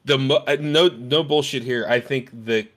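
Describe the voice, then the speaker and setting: A man's voice: mid-range voice, moderate pace, fairly bright tone. A man guesting on a gaming podcast, rambling loosely with many fillers. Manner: rambling, full of fillers and restarts. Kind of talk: casual gaming podcast chat.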